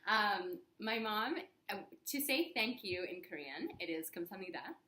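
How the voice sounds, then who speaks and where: Giggly, animated young woman vlogger. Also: medium pitch, a little slow. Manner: giggly, animated storytelling with many fillers. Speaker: vlog co-host. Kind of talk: casual chat. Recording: echoey room.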